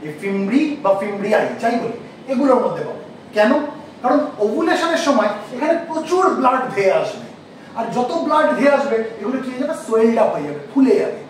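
High-voiced man lecturing in an echoey room. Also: very animated, a little hiss or hum. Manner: asks the class questions and repeats key terms slowly. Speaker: teacher. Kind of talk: classroom lecture. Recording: echoey room, mic far off.

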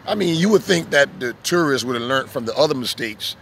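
A man preaching casually outdoors as a street preacher, telling animated stories and acting out little voices. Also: medium pitch, brisk, vocal fry, a little hiss or hum. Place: outdoors in the sun.

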